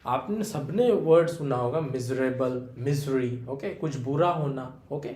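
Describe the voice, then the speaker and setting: A man's voice: mid-range voice, unhurried, darkish tone. Indian man teaching vocab in an echoey room. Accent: Marathi-influenced Indian. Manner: explains with repeated fillers like "okay" and "है ना"; addresses students fondly as "बेटा". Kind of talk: Hindi-English vocabulary lesson.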